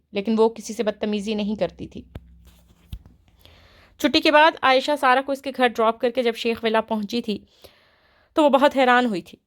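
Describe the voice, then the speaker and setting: A woman reading a romance novel aloud with a steady storytelling delivery. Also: on the high side. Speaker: novel reader.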